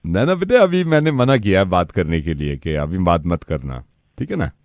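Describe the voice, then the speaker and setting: A man hosting a radio prank call, posing as a doctor and talking to the caller in a calm, patronizing way. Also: sits low, normal speed, no room sound, clean studio sound. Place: radio studio.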